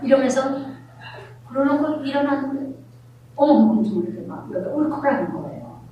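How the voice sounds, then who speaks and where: A middle-aged woman pastor preaching a sermon, telling family stories with animated, acted-out scenes. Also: high voice, brisk, muffled recording, slight background noise. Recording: very echoey hall, voice from far off.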